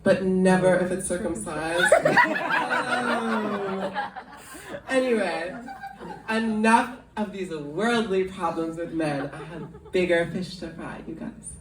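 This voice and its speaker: A woman doing a stand-up comedy set live, deadpan and self-mocking, often laughing at her own lines. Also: fairly low pitch, slow pace, very noisy. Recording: echoey live room, distant mic, loud crowd.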